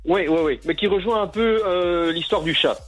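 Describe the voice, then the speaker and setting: A man calling in to a radio show, his voice sitting a little high for a man. He tells a story in an easygoing, rambling way and often pauses to hesitate. Faint music plays underneath the call. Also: no echo. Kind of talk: casual call-in chat, telling an anecdote.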